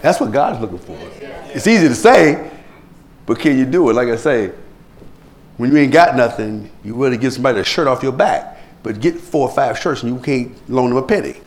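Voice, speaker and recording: A man delivering a sermon as a pastor, his voice swinging widely in pitch as he dramatizes the people in his stories. He moves between talking to the congregation and mimicking them. The delivery stays lively throughout. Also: a little fast. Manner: preachy, animated, acts out quoted people in rising pitch. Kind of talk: sermon with anecdotes.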